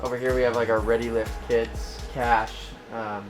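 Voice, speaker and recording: A man's voice: medium pitch, flat delivery, normal speed. A man talking casually and off the cuff as a manager walking someone through a workplace, pointing things out as he goes. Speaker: warehouse manager giving a tour. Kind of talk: casual walk-through tour talk. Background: background music.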